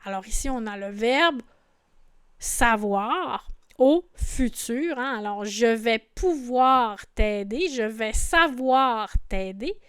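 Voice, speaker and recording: Woman teaching slowly, keeps saying hein, high voice, very dry close mic. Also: lively intonation, a bit bright, clear, resonant tone, no room sound. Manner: patient, repeats words, frequent "hein". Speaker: French teacher. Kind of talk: slow explanatory lesson.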